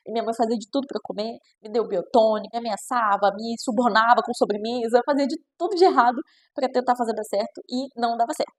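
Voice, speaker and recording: A woman's voice: on the high side, quick pace. A woman with a Brazilian Portuguese accent, a child nutritionist talking casually to camera and adding chatty tag questions as she goes. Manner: chatty, with frequent "né?" tags; acts out quoted parents in shifting voices. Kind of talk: reflective casual talk to camera.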